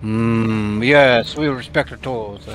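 A man playing a board game, making slow, joking asides to the others. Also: mid-range voice, over music. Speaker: player. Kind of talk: casual game chat.

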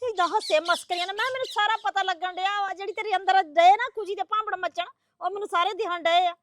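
A woman's voice: extremely high pitch, steady tone, quick pace, fairly bright tone, no room sound, studio quality. A woman playing a tearful, aggrieved young wife. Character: tearful young married woman complaining about her in-laws. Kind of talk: comedy skit acting.

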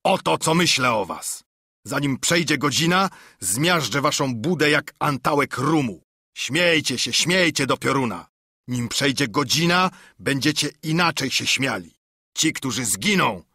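A male reader puts on a menacing one-legged pirate captain, older and swaggering, who barks threats in a raised voice. The tone is husky and close. It is storybook narration with a rough, cunning edge. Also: medium pitch, moderate pace, pushed and bright, no echo. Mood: raging.

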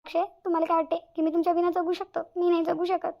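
A woman with a Varhadi Marathi accent from Vidarbha voices an anxious, selfless young bride-to-be in a cartoon family drama, a tenderly devoted character. Her voice is extremely high, gravelly and darkish, quick and nearly flat in pitch, sounding resigned and anxious as she earnestly repeats phrases for emphasis. The audio is dull.

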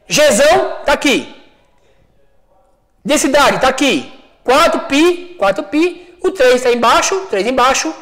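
A man with a Brazilian Portuguese accent, a studio teacher working through a high school physics exercise, chatty and checking often that students follow. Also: fairly bright tone, low-quality recording. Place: classroom studio.

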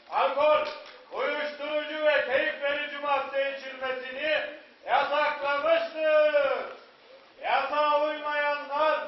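An actor playing a town crier on stage, proclaiming a ban in loud, long-stretched calls. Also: male voice, very high voice. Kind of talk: stage theatre acting. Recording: echoey, dull, noisy distant stage recording.

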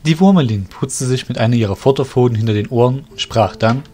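Over clearly audible music, a man of average male pitch narrates a scripted fantasy audio play at a fast pace in a dark tone.

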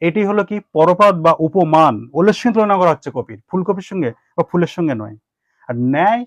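A man's voice: high-pitched, no echo. A man with a Bengali accent teaching a grammar lesson, who repeats terms and keeps asking questions and answering them himself. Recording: dry, muffled lo-fi sound.

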